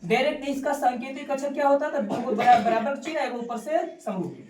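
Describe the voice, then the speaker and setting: A woman with a fairly high voice teaches a classroom maths lesson. She repeats each key term and keeps quizzing her students. She is recorded from a distance in a roomy, echoing classroom with faint background noise. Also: a little fast, a little mellow.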